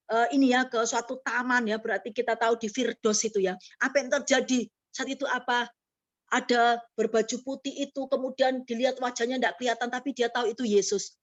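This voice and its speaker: Middle-aged woman preacher, bit high voice, tells stories and acts out the voices, gets emphatic. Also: lo-fi sound. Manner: storytelling, acts out dialogue, rising emphatic exhortation. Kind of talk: sermon with testimony.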